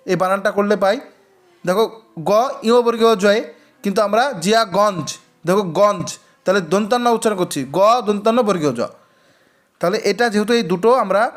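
A man teaching an exam-prep quiz lesson, reading each question twice before giving and explaining the answer. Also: sits high. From West Bengal.

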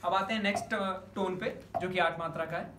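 A man's voice: sits high, fairly even intonation, fairly quick. A man teaching a music lesson step by step, counting beats aloud, stressing the first of each group and mixing in English words. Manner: explains in Hindi mixed with English words. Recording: echoey room with audible noise.

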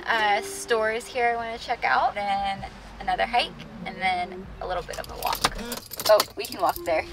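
A woman's voice: mid-range voice, steady tone, normal speed, noisy background. A young woman chatting casually about her day, laughing often. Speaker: vlogger. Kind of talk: casual travel vlog chat.

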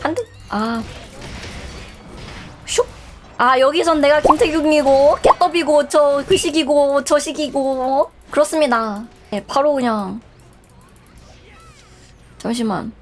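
A woman's voice: sits high, slow, pauses often, soft background music. A young woman streaming a game, chatting playfully and teasing her viewers and teammates. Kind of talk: live game streaming chat.

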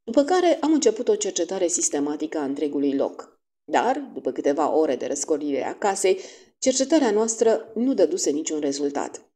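A woman narrating a classic detective story as an audiobook, in expressive first-person storytelling. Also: low-pitched.

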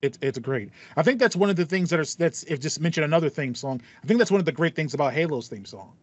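Quick and lively in intonation, this podcast host in his thirties has a fairly high-pitched voice and chats casually, thinking aloud and repeating himself as he goes. He's indoors in a small foam-paneled home room. The recording is dry, with a dull, lo-fi voice-call sound.

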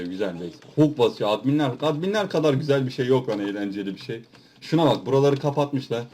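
A young man giving loud, swearing, teasing commentary over his own gameplay, talking to viewers and mocking other players. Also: medium pitch. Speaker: gaming YouTuber. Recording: background noise.

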